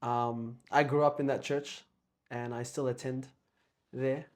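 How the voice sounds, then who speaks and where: A young man from Australia, a guest in a casual chat, talking softly and hesitantly with many pauses and ums. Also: mid-range voice, little pitch movement.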